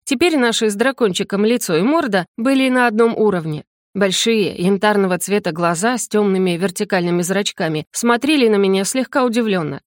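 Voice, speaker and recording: A woman calmly reading a first-person audiobook narration. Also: medium pitch, brisk, dry recording, studio quality.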